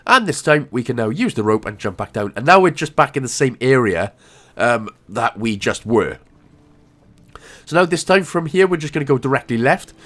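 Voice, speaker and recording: Lively joking man narrating a game. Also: mid-range voice, normal speed. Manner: jokey, animated, self-mocking asides. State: ill, coughing. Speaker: game walkthrough commentator. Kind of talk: casual gameplay commentary.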